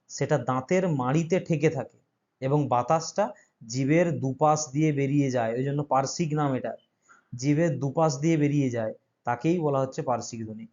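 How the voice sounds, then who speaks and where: Guy teaching exam prep, slightly high voice, keeps checking you follow, dull lo-fi audio. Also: darkish tone. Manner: explains step by step, often checks understanding. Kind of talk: exam-prep grammar lesson.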